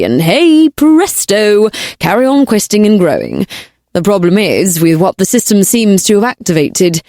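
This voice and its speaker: A woman's voice: mid-range voice, dark tone, no room sound, studio quality. A woman voicing a male AI sidekick in an audiobook, sarcastic and a little hesitant. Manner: sarcastic, hesitant when delivering bad news. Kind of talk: audiobook character voice.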